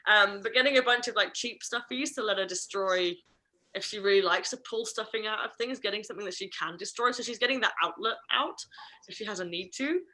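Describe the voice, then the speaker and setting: Teaching puppies online, this woman trainer keeps a brisk pace with a bright, pushed sound. Her talk is chatty and full of self-corrections, occasionally jumping into a playful, high-pitched voice.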